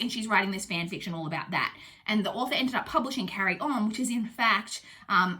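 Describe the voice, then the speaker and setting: A young adult woman hosts a booktube review, chatting casually with many ums and likes. Her mid-range voice is bright and forceful, yet blocked-up and nasal from a cold.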